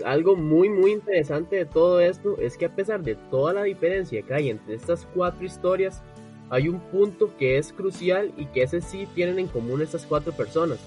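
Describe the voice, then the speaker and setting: Male co-host, higher pitch, earnest segment intros, soft music behind. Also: normal speed. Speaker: podcast co-host. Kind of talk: scripted program hosting.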